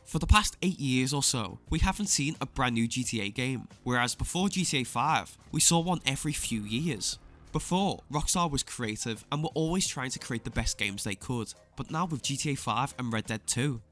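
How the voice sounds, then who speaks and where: A man's voice: mid-range voice, animated, normal speed, a bit bright. Sarcastic, scathing male video essayist over music. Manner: sarcastic, scathing exposé delivery. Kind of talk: scripted opinion commentary. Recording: clear music bed under voice. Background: background music.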